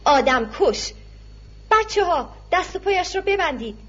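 A woman's voice: high voice, expressive, highs cut off, full character voice. Woman voicing a commanding young worker. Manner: commanding shouts.

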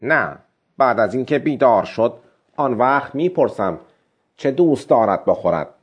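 A man reading a storybook voicing a young fisher boy who is grieving, tender and soft-spoken. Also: medium pitch, expressive, slightly rough, lo-fi sound.

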